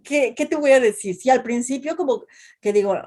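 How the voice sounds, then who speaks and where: This woman is from Mexico and carries a Mexican Spanish accent. Her voice is high, brisk and a little mellow as she works through ideas as a translation professor, restarting often and tossing in tag questions during an academic interview.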